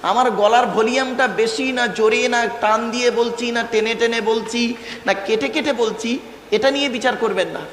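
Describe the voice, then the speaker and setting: A man's voice: very high-pitched, fairly bright tone, roomy sound, long reverb tail, slight background noise. A man preaching a Bengali waz sermon to an audience, declaiming with repeated phrases and calling listeners "baba". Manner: chants Arabic verses slowly.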